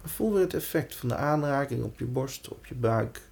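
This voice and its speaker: A man guiding a breathing and body-awareness exercise in a calm, reassuring way, leaving pauses between short instructions. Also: medium pitch, creaky. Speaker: relaxation and breathwork guide.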